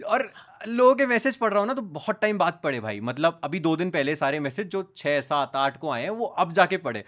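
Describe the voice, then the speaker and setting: A young man, a guest on a podcast, telling animated stories in a casual chat and mixing English phrases into his talk. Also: fairly high pitch, fairly quick. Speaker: news content creator, guest.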